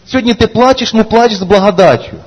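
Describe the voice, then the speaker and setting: A man's voice: high-pitched, fast, breathy edge. A male pastor preaching a sermon, repeating "amen" and building to emphatic calls. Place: church hall. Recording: echoey church hall, dull lo-fi sound.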